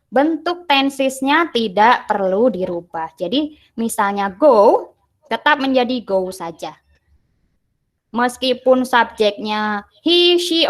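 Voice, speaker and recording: A woman's voice: mid-range voice, a bit bright. A woman teacher with an Indonesian accent giving an online English lesson, patiently translating each English phrase into Indonesian.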